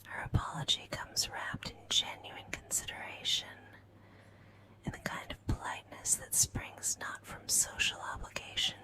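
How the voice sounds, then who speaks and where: A woman narrating a scripted story as ASMR in a breathy whisper, with measured phrasing and pauses. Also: bright, forceful tone.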